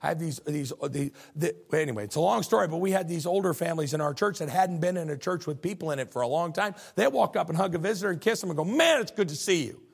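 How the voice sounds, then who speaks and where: A middle-aged pastor preaching a folksy, animated sermon, repeating phrases and talking directly to his congregation. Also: on the high side, fast talker, vocal fry, few pauses, husky.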